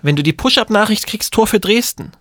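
A man's voice: high voice, expressive, fairly quick, a bit bright, no echo. A man co-hosting a casual ice hockey podcast, throwing in dry wisecracks and often restarting his sentences. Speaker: podcast co-host.

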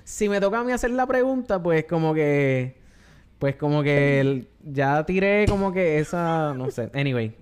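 A man's voice: fairly high pitch, expressive, unhurried, clear, resonant tone. A Puerto Rican man in casual, slangy banter with friends, dropping English words into his Spanish. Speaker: quiz-game participant on a talk show.

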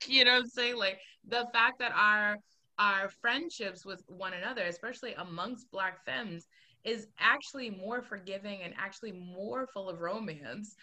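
A woman's voice: mid-range voice, unhurried, sharp tone. A woman hosting a podcast, talking candidly and emotionally, laughing often as she speaks. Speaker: podcast host. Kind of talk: casual podcast conversation.

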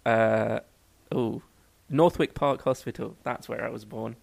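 An unhurried, steady voice of medium pitch, creaky and a little mellow, belongs to a twenty-something podcast co-host with a London accent. He chats casually from England, joking, wandering off topic, and breaking off mid-sentence.

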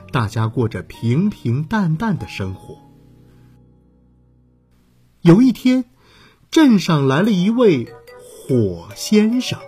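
Male storyteller for kids, slow and very animated, with faint music behind. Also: fairly high pitch. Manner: expressive, drawn-out storytelling to kids. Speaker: children's storyteller. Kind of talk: children's story narration.

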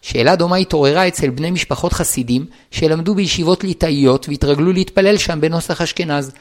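A man reading a religious law book aloud in a measured, even, formal recitation. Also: fairly high pitch. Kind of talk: formal read-aloud of a text.

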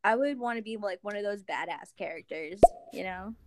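A woman's voice: medium pitch, brisk, no echo. A young woman chatting casually, giggly and gushing, often trailing off with fillers. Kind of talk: casual chat.

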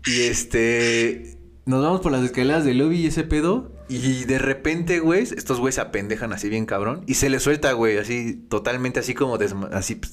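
A man with a Mexican accent, a podcast guest telling a story in casual, slangy talk with animated delivery and laughter. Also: mid-range voice.

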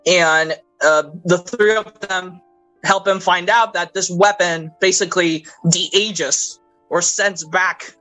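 Male podcast host, brilliant tone, animated casual recap with put-on character quotes. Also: sits high, takes it slowly, soft background music, rough recording. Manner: animated, acts out characters' lines in quoted voices; frequent fillers and laughter. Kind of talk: casual chat recapping a cartoon movie.

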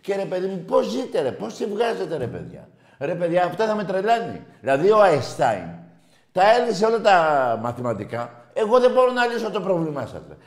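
Casting: loud, mocking male call-in host, slightly high voice, roomy studio. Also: very animated. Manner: loud, shouting and mocking rival fans. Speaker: radio call-in show host. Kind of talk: heated call-in sports banter.

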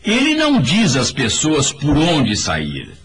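A man delivers a motivational talk with a preachy, emphatic manner. His pitch swings wildly from low to high as he presses each point. He speaks straight to his listeners, with a faint hiss underneath. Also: huge pitch swings, slow pace. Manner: emphatic, preachy, addresses the audience directly. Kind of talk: motivational speech in a voice-over.

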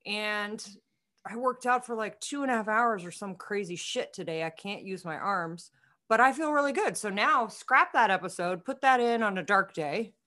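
A woman's voice: medium pitch, animated, normal speed, pushed and bright. A woman co-hosting a casual podcast chat, blunt and swearing freely, laughing often. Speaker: podcast co-host.

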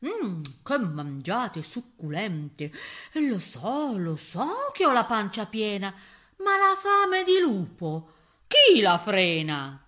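A woman's voice: medium pitch, big pitch swings, slow, bright, forceful tone, exaggerated voice. A woman voicing a greedy, menacing male big bad wolf in a rhyming storybook tale, drawing out the words.

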